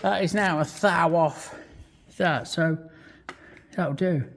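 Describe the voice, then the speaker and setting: A man's voice: a little high, slow. A British man giving a casual hands-on workshop demonstration, swearing freely and talking matily through each step in short bursts. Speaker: vlog host, hobby machinist. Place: small home workshop beside a milling machine. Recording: loud machine and engine noise, clicking. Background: milling machine running, clicks.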